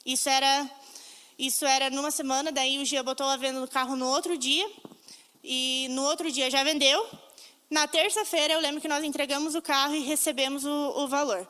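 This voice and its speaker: High-voiced Brazilian woman preaching. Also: fairly even intonation, moderate pace, sharp tone. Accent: Brazilian Portuguese. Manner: emphatic, storytelling, acts out quoted voices. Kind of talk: sermon. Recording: long reverb of a hall.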